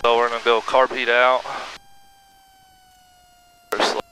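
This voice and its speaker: Even-toned male student pilot on a headset. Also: mid-range voice, measured pace. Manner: talking over a pilot headset. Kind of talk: brief conversational replies to an examiner. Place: inside a small airplane in flight. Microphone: aviation headset. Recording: cockpit intercom with engine noise.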